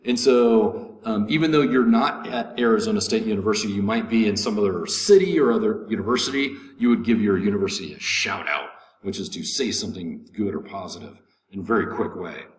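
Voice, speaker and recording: A man teaching English vocabulary, slowly repeating words and stressing syllables, with frequent ums. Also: fairly low pitch. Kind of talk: vocabulary lesson recording. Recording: echoey room with faint noise.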